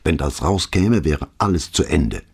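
A man's voice: a bass voice, expressive, unhurried, gravelly, husky, full character voice. A man voicing a cautious, diplomatic police inspector who answers his superior deferentially in an audiobook.

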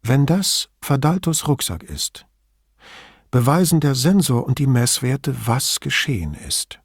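A man's voice: mid-range voice, sing-song, measured pace, husky, no room sound, clean studio sound, full character voice. A man reading an audiobook, voicing an outspoken woman investigator who flares into indignant outbursts. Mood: thoughtful.

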